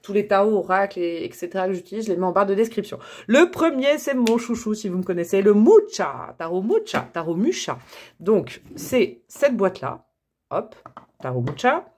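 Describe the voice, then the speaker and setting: A woman's voice: medium pitch, very animated, normal speed, darkish tone, a little hiss or hum. A French woman talking casually to her viewers while drawing tarot cards, chatty and full of fillers and self-corrections. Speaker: tarot reader and channel host. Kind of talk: casual tarot reading to camera.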